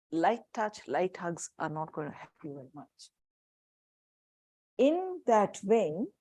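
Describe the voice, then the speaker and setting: A woman with an Indian accent leads a parent workshop, explaining and holding up items for the room and a video call. Her pitch sits in the middle range, and the sound is dry with little room echo. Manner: warm, practical, demonstrating objects. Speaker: child psychiatrist giving a parent workshop. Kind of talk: live workshop talk to room and Zoom.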